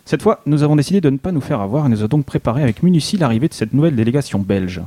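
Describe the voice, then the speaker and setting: A man's voice: mid-range voice, lively intonation, very fast, dark tone. A man co-hosting a radio show, reading a mock-solemn, ironic introduction. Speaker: co-host. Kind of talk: scripted humorous introduction.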